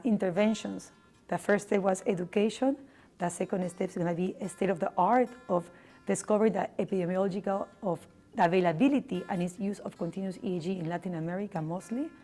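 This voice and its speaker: A middle-aged woman from Peru speaks English with a Peruvian Spanish accent. Her voice is mellow and warm, and she talks earnestly with small slips in her phrasing. Faint music plays quietly underneath. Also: mid-range voice. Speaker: neurology professor. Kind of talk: interview monologue.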